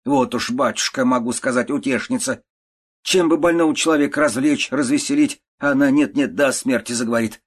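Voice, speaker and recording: A man's voice: steady tone, fairly quick, husky, natural voice. A man voicing a sick, querulous old aunt who scolds and grumbles, in an audiobook reading. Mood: angry scolding. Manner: scolding, grumbling, shrill outbursts.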